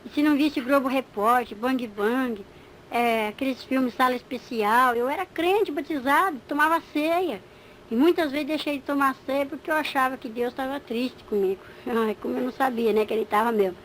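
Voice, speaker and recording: A woman's voice: sits high, normal speed, slight background noise, poor audio. A woman giving a spoken religious testimony, telling her story with animation and acting out the dialogue. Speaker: church member giving testimony.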